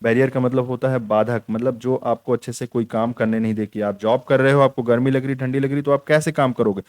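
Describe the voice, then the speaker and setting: A man's voice: medium pitch, steady tone, brisk, darkish tone, dry recording, studio quality. A young man teaching an online exam-prep lesson, repeating key points and checking in with his students again and again. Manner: repetitive, drills points with "theek hai".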